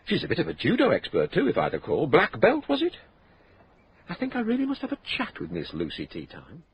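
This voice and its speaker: An actor in his fifties playing a shrewd, urbane police inspector in a radio drama, measured, dry and courteous. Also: on the high side, wildly swooping pitch. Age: 50s.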